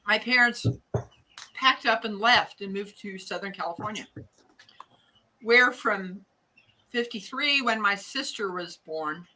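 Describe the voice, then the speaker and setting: An older woman with a Midwestern American accent and a bright, forward voice at an average pitch. She talks casually and ramblingly, in a folksy way, like someone teaching a craft live. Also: slight background noise, low-quality recording. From United States. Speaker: hat loom craft class teacher. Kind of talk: casual live tutorial chat.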